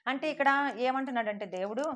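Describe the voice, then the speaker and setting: A woman delivers a sermon at a rapid clip, her voice sitting a little high. She preaches fervently and slips into the voices of God and of pleading believers as she goes.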